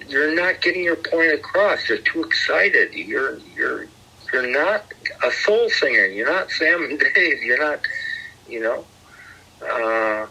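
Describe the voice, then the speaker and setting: A man co-hosting a podcast, talking in an animated, rambling way and laughing often. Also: mid-range voice, slightly rough, rough recording. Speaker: podcast co-host. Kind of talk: casual chat.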